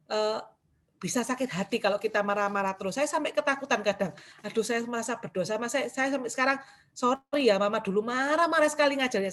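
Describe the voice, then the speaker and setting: A middle-aged woman, sharing a candid personal testimony at a church women's gathering in a conversational tone. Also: on the high side. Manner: candid, conversational, with frequent casual fillers. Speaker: church member giving testimony.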